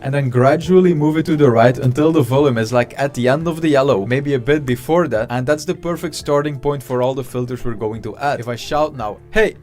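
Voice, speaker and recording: Upbeat man explaining software settings. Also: mid-range voice, brisk, hardly any pauses, faint music behind. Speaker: streaming tutorial presenter. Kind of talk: casual screen-recorded tutorial.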